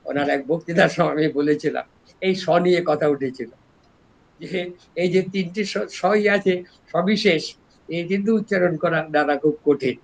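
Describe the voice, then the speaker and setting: An older man from East Bengal with an East Bengali accent, a retired professor giving a scholarly lecture and explaining word origins slowly, step by step. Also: on the high side, creaky, slight background noise, poor audio. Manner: explains slowly and step by step, lively rises and drops in voice.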